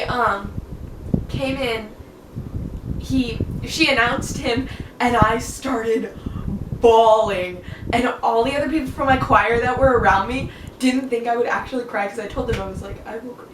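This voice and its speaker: Teen girl vlogger, gushing and excitable, higher voice, echoey room, distant mic, noisy. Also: unhurried, long pauses. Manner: gushing, excitable, many fillers. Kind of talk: casual storytelling.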